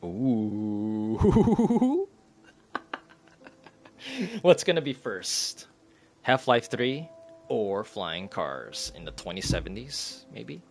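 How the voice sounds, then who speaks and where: A man's voice: on the low side, very animated, very slow, long pauses, darkish tone, soft background music. A man in his thirties chatting casually on a live stream, rambling and laughing as he reads the chat. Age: 30s.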